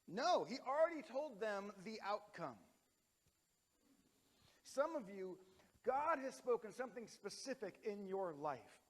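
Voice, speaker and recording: High-voiced preaching man in a reverberant sanctuary. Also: very animated, unhurried, pauses often. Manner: dynamic preaching, swings from loud to hushed. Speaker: pastor. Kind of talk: sermon. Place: church sanctuary. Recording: long hall reverb.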